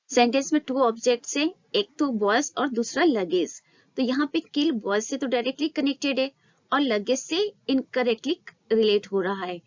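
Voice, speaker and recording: A woman teaching an exam-prep literature lesson, explaining in a Hindi-English mix, asking questions and answering them herself, and reading English statements slowly. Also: sits high, darkish tone, dry recording. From India. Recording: slightly dull, dry sound.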